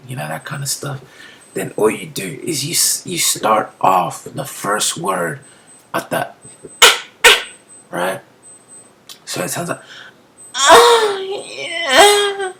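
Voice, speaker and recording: A beatbox tutor casually explaining a technique step by step, often checking in with "right?" and dropping into soft whispered asides. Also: mid-range voice, very animated, measured pace, vocal fry, long pauses, slight background noise.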